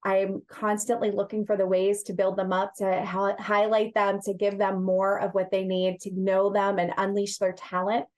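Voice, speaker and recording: A woman's voice: medium pitch, flat delivery, normal speed, few pauses, darkish tone. A woman answering as an interview guest, talking about her work in an earnest, emphatic way with repeated phrases. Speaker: interview guest, executive search partner and HR director.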